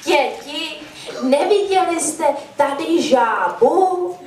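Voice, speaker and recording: Woman doing a squeaky little water sprite puppet. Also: lively intonation, crowd noise. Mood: playful, chatty. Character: playful, chatty young water sprite puppet. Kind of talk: children's puppet theatre. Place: puppet show in a village hall. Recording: roomy, distant camera recording with noise.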